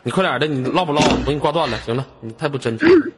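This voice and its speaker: A man's voice: a little high, animated, very fast. A man with a Northeastern Chinese accent hosting a live voice chat, bantering in a brash, teasing, profane and slangy way. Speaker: host of an online voice-chat audition. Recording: noisy online voice chat with clicks. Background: clear background noise and clicks.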